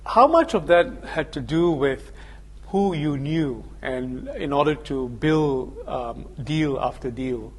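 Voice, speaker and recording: Fairly high-voiced male interviewer asking long questions. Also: takes it slowly. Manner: long probing questions with restarts. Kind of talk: business interview.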